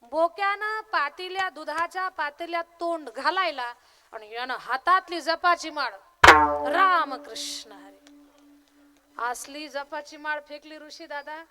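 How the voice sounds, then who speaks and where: A young woman from Maharashtra, a kirtankar, telling a story in a lively, humorous way during a devotional sermon. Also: high-pitched.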